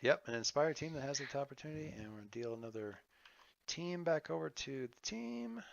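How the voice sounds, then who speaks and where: A man running a tabletop game as game master, narrating off the cuff and thinking aloud in a halting, casual way. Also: medium pitch, lively intonation, gravelly, no echo, dull audio.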